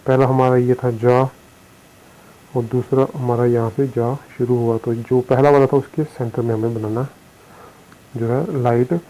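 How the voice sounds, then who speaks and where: Male teacher with an Indian accent, monotone and mellow-toned, slow and repetitive board-lesson delivery. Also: mid-range voice, rough recording. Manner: slow, repetitive explanation with frequent fillers. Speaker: shorthand teacher. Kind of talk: recorded lesson explaining on a board.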